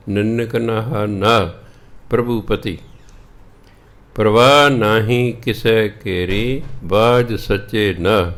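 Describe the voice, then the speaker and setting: A man preaches in a drawn-out, deliberate cadence, lingering over each chanted verse. His voice sits on the low side, and he explains words patiently like a teacher. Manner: chants verses slowly, then explains pronunciation and meaning patiently. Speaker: Sikh preacher giving scripture exposition. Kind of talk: slow sermon teaching scripture line by line.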